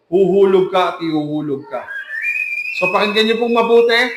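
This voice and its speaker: A man's voice: high-pitched, fairly bright tone, echoey room. A man preaching an emphatic sermon as pastor, full of rhetorical questions to the congregation. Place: church hall.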